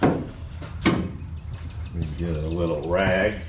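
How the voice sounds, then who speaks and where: A man's voice: sits low, fairly even intonation, drawn-out words, heavy background noise. A man casually talking through his work on an old car in his home garage, rambling and plain-spoken with many fillers and restarts. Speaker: hobby mechanic and channel host. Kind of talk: casual narration while working on a car.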